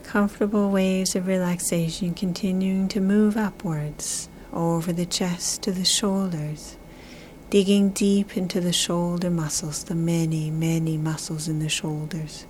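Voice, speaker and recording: A fairly low, calming female voice leads a relaxation session in a gentle half-whisper, like at a spa. Her delivery stays flat while she draws out slow, repeated phrases. A light ambient noise bed runs underneath.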